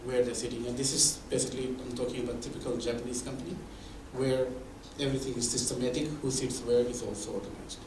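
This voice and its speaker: A mid-pitched male presenter races through a conversational presentation at a mentoring event, speaking fast with fairly even intonation and hardly any pauses. He explains with examples and restarts a lot. Far-off, echoey recording in a hall or meeting room, with background noise.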